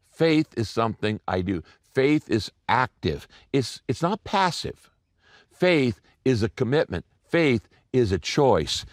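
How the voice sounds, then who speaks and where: A male pastor preaching a sermon with emphatic, repeated phrases and deliberate pauses. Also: mid-range voice, no room sound, clean studio sound.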